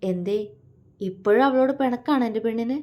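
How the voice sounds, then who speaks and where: A tender young husband in a storybook romance speaks softly and affectionately , as a woman reads his lines. His voice stays gentle and low-key, with a teasing warmth toward his wife. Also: a little fast, close to an everyday voice. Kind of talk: storytelling dialogue.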